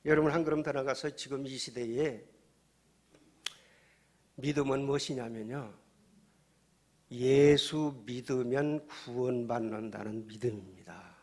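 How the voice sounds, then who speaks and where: A man, a pastor, preaching a sermon, swinging from hushed storytelling to loud shouting and acting out the dialogue of his stories. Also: medium pitch, unhurried, pauses often.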